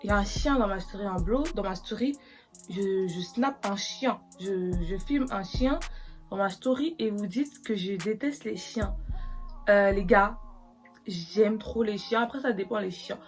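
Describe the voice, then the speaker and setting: Jeune vlogueuse bavarde, musique discrète. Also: female voice, mid-range voice, measured pace, soft background music. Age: young adult. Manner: chatty, rambling, full of fillers and restarts. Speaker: vlogger. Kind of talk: casual get-to-know-me vlog.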